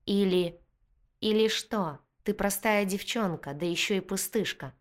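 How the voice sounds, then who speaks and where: Woman doing an arrogant young male guard, hot-tempered, sneering, loud, audiobook. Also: mid-range voice, a little slow, natural voice. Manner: sneering, shouting insults.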